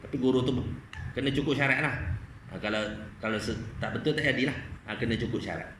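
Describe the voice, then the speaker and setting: Male mosque lecturer, bright forceful tone, conversational, keeps asking the room questions; echoey hall. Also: medium pitch, fast, slight background noise. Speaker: religious lecturer.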